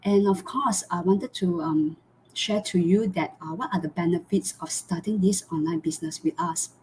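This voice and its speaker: A woman's voice: lowish voice, normal speed, a little mellow. Lady hosting a live video call chat, earnest, lots of ums and restarts, faint hiss behind. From Malaysia. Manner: earnest, with many fillers and restarts. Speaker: host. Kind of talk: live online interview.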